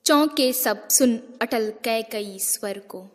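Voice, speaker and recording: A woman recites verse in a high, unhurried voice with measured, declamatory phrasing. The sound carries a long hall reverb. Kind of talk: poetry recitation.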